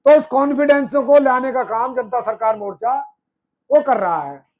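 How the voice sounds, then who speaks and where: An extremely high-pitched man, a movement speaker, gives a political speech at a moderate pace over lo-fi audio. He emphatically asks rhetorical questions, supplies his own answers, and keeps repeating phrases in lists.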